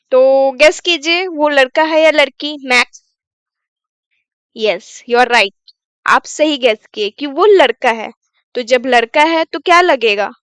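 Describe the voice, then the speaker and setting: A woman's voice: sits high, bright, forceful tone, no echo, studio quality. A woman teacher, explaining a story word by word, asking questions and answering them herself. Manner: asks questions then answers them, repeats words slowly. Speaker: English teacher. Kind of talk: bilingual English reading lesson.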